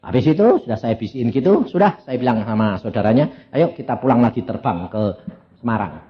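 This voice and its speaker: Elderly Javanese preacher with lively pitch. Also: male voice, fairly quick. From Central Java, Indonesia. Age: elderly, around 80. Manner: anecdotal, humorous, addresses audience as "saudara". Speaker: evangelist preacher. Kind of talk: storytelling sermon. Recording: dull lo-fi sermon recording.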